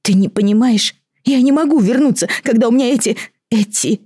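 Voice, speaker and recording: A woman voicing a frightened young girl who has grown horns, sobbing and pleading in a high, strained voice. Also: brisk, mellow, husky, no room sound, studio quality. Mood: distraught. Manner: sobbing, pleading, rising to shrieks.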